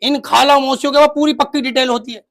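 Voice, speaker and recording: A man's voice: very high-pitched, fast, crowd noise. A man playing a chatty, sassy woman who gossips and mocks in a comic sketch. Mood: mocking. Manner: animated, teasing, mocking storytelling. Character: chatty gossiping adult woman, sassy older sister type.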